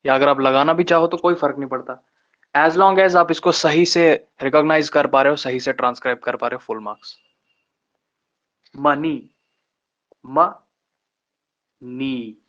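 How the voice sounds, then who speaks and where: A man teaching shorthand in a live online lesson, explaining step by step with patient pauses and slowing down to spell out terms. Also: medium pitch, fairly even intonation, a bit bright. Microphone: online class microphone. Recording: dull lo-fi online class audio.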